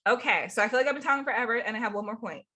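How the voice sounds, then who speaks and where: Speaking very fast in a slightly high, bright, pushed voice, a young spiritual coach hosts her channel, chatting to camera. She sounds congested but upbeat and laughs frequently.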